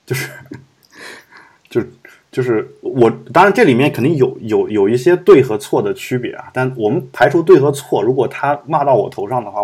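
In this casual podcast discussion, the male host speaks at medium pitch with a somewhat mellow, slightly rough tone. His talk is rambling and reflective, dotted with many fillers and false starts.

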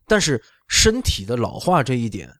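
A man's voice: mid-range voice, sing-song, moderate pace, fairly bright tone, no echo. Middle-aged man explaining, fairly dry sound. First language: not Chinese. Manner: explanatory, often checking with "right?". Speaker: orthopedic doctor explaining on a talk show. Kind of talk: casual medical explanation.

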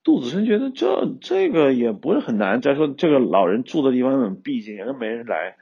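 A man's voice: medium pitch, big pitch swings, brisk, vocal fry, dark tone, slightly rough, muffled recording. A man hosting a podcast, retelling an old tale in a loose, casual way with frequent restarts. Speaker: podcast host, screenwriter-director. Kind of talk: casual storytelling commentary.

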